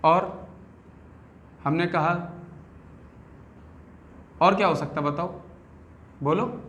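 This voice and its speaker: A man from India with a Hindi accent teaches a classroom grammar lesson. His voice sits high, and he keeps pausing to quiz his students with short questions. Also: fairly bright tone. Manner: keeps asking the class quick check questions.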